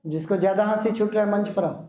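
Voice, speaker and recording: Male English teacher, high voice, firm classroom instructions, echoey room. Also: dark tone. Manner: slow dictation, firm instructions. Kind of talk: classroom grammar lesson.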